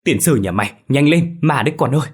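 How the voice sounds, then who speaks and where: A man's voice: lowish voice, big pitch swings, brisk, husky. A man voicing a cowardly, pompous old village chief who pleads and mutters in fear, in a spoken ghost story. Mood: panicked.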